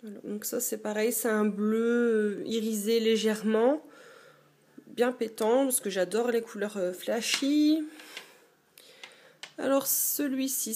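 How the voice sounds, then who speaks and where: A young woman vlogging from a dim bedroom, her voice sitting a little high. She talks in a casual, chatty show-and-tell way. She pauses often and fills the gaps as she goes. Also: darkish tone. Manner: chatty, hesitant, many fillers. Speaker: beauty vlogger.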